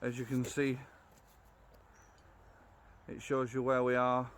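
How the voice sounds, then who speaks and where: A middle-aged man with a Yorkshire accent leads viewers along an outdoor trail, speaking slowly in a completely flat, slightly bright, ordinary male mid-range voice. As a vlogger and walking guide, he narrates casually and unscripted, thinking aloud into a phone held at arm's length in a down-to-earth way.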